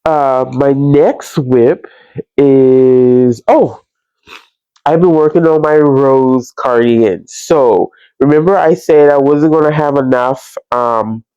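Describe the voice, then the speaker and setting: Congested man, slow and stuffy-nosed. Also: mid-range voice, dark tone, clear, resonant tone, no room sound. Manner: halting, stops and starts. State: congested stuffy nose from a cold, sniffing and mouth breathing. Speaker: podcast host. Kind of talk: casual crafting vlog chat. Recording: slightly dull, lo-fi sound.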